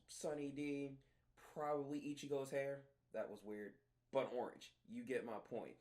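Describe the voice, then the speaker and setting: A man's voice: fairly high pitch, mellow. A man giving a comedic drink review in a wry, offhand and self-mocking way.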